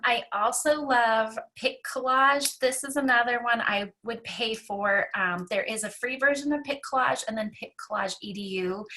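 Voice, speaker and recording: Woman teacher presenting in a hurry; bright, clear voice, quick pace with frequent ums. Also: mid-range voice. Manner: rushed, fast-talking, many filler ums. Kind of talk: conference presentation.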